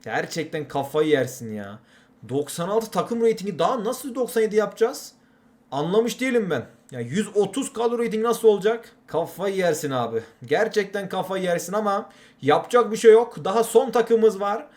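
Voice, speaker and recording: A man's voice: sits high, lively intonation, brisk, darkish tone. A young man hosting a gaming channel, giving chatty, exasperated commentary while playing a football game. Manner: exasperated, chatty, keeps repeating catchphrases.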